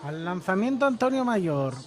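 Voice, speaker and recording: A male sports commentator with a high-pitched voice follows a beach soccer match play by play. Music is heard behind his live commentary. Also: sing-song, normal speed, a faint crowd.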